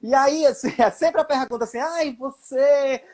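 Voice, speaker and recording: A man's voice: extremely high pitch, fast talker. A man with a Brazilian Portuguese accent hosting a casual interview, asking questions with hesitant fillers and laughing along. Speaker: host.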